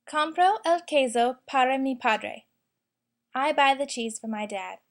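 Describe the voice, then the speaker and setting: A young woman slowly and carefully reading out a lesson, explaining grammar and its examples. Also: high voice, animated. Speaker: student presenter. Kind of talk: instructional narration.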